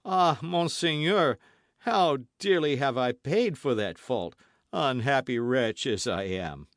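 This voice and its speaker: Reading aloud, a man voices a trembling middle-aged innkeeper who pitifully begs for mercy in fear. The delivery is lightly acted, mid-range and lively, a little slow, pitched above his natural voice, and recorded at studio quality with no room sound.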